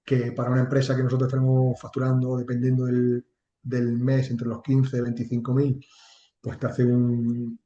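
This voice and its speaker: A man from Extremadura with a Spanish accent from Spain chats candidly and colloquially as an interview guest, a chatbot marketing entrepreneur, with some mild swearing. His medium-pitched voice is monotone and mellow at a moderate pace. The casual interview audio is reverberant, with the highs cut off.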